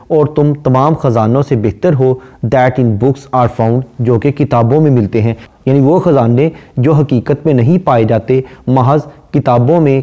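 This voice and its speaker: A male lecturer with a mellow, dark voice. He draws out each line of English verse slowly before explaining it. Then he rattles off lists of rhyme words in quick runs. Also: mid-range voice. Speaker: literature lecturer.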